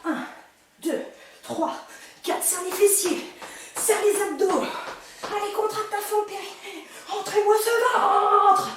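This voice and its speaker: A woman's voice: very high voice, a little slow, pauses often. A woman fitness instructor leading a workout while exercising herself, puffing with effort, urging and chatting playfully between counts and cues. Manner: exerting, breathy puffs while exercising. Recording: distant echoey room with clear noise.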